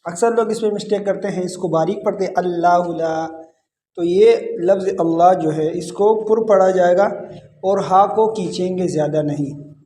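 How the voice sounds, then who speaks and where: Man teaching slow chanted Quran recitation. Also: high voice, mellow, a little hiss or hum. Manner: alternates slow drawn-out recitation with quick explanations.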